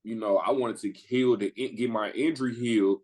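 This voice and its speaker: Poor audio captures a brisk man with a voice on the low side, a pro basketball player in his twenties from the Midwest US. As a guest on a podcast, he recounts his story in relaxed, slangy language and animatedly acts out quoted people during the casual interview.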